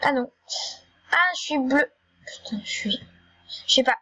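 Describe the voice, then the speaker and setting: A woman giving casual, chatty commentary while playing an online game, excitable and prone to stammering and repeating herself. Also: high-pitched, a little slow, breathy edge, poor audio. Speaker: gaming YouTuber.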